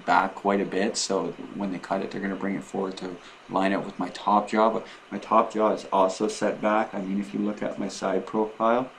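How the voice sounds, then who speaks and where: A man talking casually and unscripted to his vlog viewers, in a halting, rambling way with repeated and restarted phrases. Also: low-pitched, flat delivery, a little hiss or hum. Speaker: vlogger documenting his own surgery preparation.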